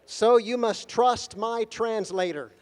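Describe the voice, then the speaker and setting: In a hall with long reverb, a high-pitched man delivers a formal conference lecture in measured, deliberate phrases with gentle humor. He pauses to let an interpreter work.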